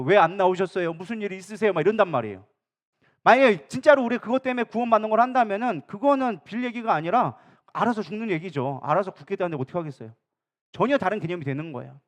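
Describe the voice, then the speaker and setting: Fast-talking high-voiced male pastor. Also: expressive. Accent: Korean, Daejeon area. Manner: asks the congregation questions and answers them himself; acts out quoted speakers in a changed voice. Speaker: co-senior pastor. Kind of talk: sermon. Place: church sanctuary.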